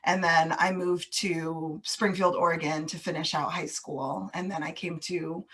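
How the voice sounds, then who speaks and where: A woman's voice: deep voice, level tone, measured pace, husky. A woman interview guest speaking casually and reflectively, laughing now and then as she talks about growing up on military bases. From grew up on US military bases overseas. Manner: warm, reflective, laughs easily.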